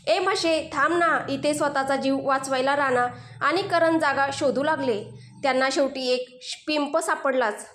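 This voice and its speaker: A woman narrating a comic story in an expressive storytelling manner. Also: high-pitched, moderate pace, slight background noise. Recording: roomy echo.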